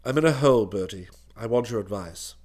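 A man's voice: lowish voice, lively intonation, fairly quick, a little mellow, pitched below the performer's own voice. A man doing a gloomy, broke young toff. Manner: plaintive, slangy upper-class chatter. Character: hard-up, gloomy young gentleman.

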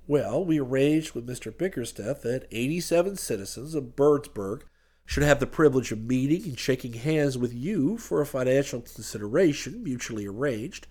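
A man's voice: medium pitch, lively intonation, normal speed, warm tone, pitched below the performer's own voice, natural voice. A man voicing a hearty American civic-booster businessman in an audiobook, plain-spoken, emphatic and businesslike.

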